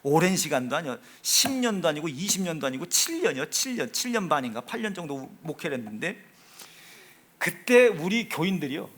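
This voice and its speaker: Korean male pastor with a Chungcheong accent; high, highly animated voice; dramatic sermon delivery from whispers to loud exhortation. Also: a little fast. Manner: swings from hushed asides to loud emphatic preaching. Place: church sanctuary.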